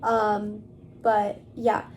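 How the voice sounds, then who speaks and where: A woman's voice: medium pitch, monotone, very slow, slight background noise. A young woman vlogging to camera in casual talk, rambling along with many fillers. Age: young adult.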